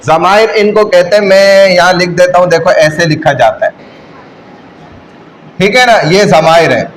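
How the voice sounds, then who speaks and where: A man's voice: high voice, normal speed, a little hiss or hum, poor audio. A man teaching an Arabic grammar lesson in a classroom, drilling pronouns and coaxing his students to repeat.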